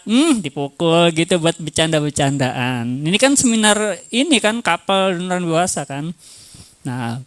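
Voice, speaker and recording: A man's voice: on the high side, a bit bright, dry recording. A man preaching at a church conference, joking and acting out quoted spouses in a raised voice. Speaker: pastor. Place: church hall.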